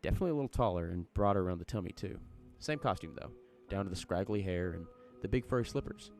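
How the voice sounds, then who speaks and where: A man's voice: sits low, lively intonation, fast talker, soft background music. A man reading a horror story aloud in a folksy, chatty storytelling manner. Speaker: narrator.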